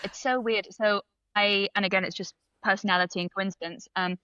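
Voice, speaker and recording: A writer and comedian from Belgium with British parents guests on a casual podcast, laughing between thoughts and hedging often. Her mid-range voice is steady, fairly quick, pushed and bright yet smooth, in a dry recording with dull audio.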